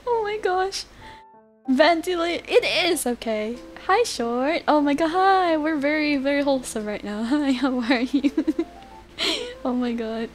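A woman's voice: sits high, measured pace, soft background music. A young woman chatting casually on a livestream as a VTuber, with a cutesy, giggly, self-deprecating manner. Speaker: VTuber streamer chatting with viewers.

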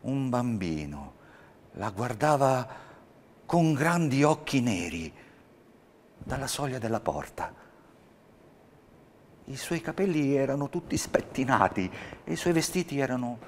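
A man reading a Christmas fairy tale aloud in a measured, expressive storytelling manner. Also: mid-range voice, slight background noise.

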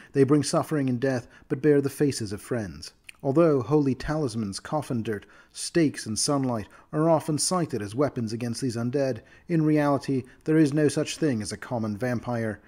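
Male narrator, medium pitch, for scripted lore: nature documentary manner, measured, formal, solemn. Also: a little mellow.

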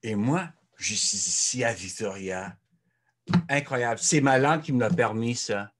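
A man in his sixties with a Canadian French accent, an author telling lively anecdotes to an audience of teachers. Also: mid-range voice, unhurried. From Saskatchewan, Canada. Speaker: author giving a talk. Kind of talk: storytelling talk to teachers.

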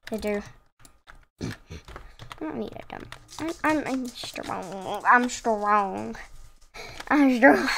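A woman's voice: a little high, vocal fry, fairly bright tone, slight background noise. A woman chatting casually through a game at home, rambling and laughing at herself, talking into her own microphone. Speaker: gaming video host. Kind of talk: casual let's-play commentary. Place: room at home with her cat. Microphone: own desk microphone.

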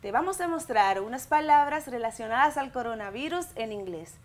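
A Dominican woman in her thirties, an English teacher, giving a televised lesson to schoolchildren and slowly modelling sentences in both languages with a Dominican Spanish accent. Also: fairly high pitch, expressive. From Dominican Republic. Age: 30s. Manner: slow, clear bilingual explaining, modelling words for repetition.

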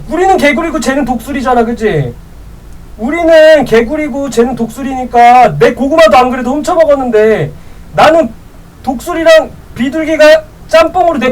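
A woman streaming a game live, teasing other players in loud banter and laughing often; her voice sits a little off-mic. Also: sits high, recorded from a distance, rough recording. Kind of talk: live gameplay chat with viewers.

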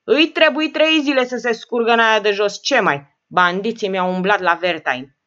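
A woman voicing a shrewd, sharp-tongued rich old woman who scolds and mocks the people around her. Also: medium pitch, dull audio, natural voice. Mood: scornful. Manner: scolding, sarcastic, bossy.

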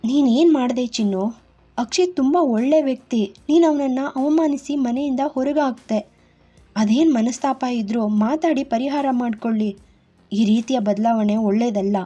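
A woman voicing a gentle, worried middle-aged mother who gives soft, coaxing advice. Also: fairly high pitch, normal speed, breathy edge, dull audio, soft background music.

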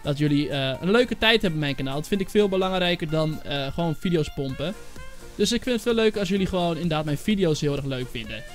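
A young man giving casual, rambling commentary on his own gameplay as a gaming channel host, and he gets excitable and shouts at rivals. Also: on the high side, quick pace, faint music behind. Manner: excitable, shouts and yells when angry at hackers; casual, rambling, with many fillers. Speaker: gaming YouTuber. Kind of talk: live Minecraft gameplay commentary.

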